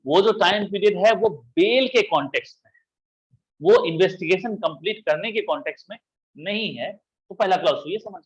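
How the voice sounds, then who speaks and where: A man's voice: sits high, moderate pace, husky, highs cut off. A man teaching law to a class, explaining step by step and asking and answering his own questions. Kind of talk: classroom lecture.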